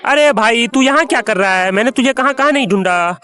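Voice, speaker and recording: Very high-voiced man doing comic banter. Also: expressive, brisk. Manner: loud, exclaiming, scolding banter. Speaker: voice actor for a comedy sketch. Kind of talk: comic sketch dubbing, all characters.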